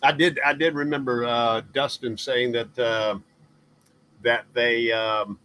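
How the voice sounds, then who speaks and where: A man with an average-pitched voice hosts a casual conversation. He speaks haltingly, feeling for his words, with clear ambient noise in the background. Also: steady tone, pushed and bright. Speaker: host of a live RV chat. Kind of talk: casual chat.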